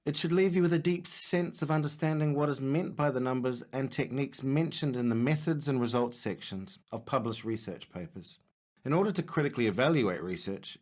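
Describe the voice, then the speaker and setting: A man voicing an earnest academic surgeon opening a workshop, with a lecturing, scripted delivery. His voice sits at a middling pitch. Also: natural voice. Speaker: clinical researcher leading a workshop. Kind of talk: scripted presentation.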